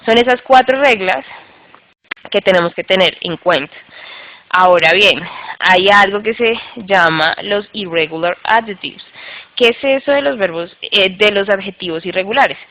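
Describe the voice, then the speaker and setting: A woman's voice: medium pitch, moderate pace, sharp tone, dry recording, poor audio. A woman teaching English grammar in an online class, patient and repetitive, often checking in with the students. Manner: patient, repeats rules and checks with "listo?". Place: online class by video call.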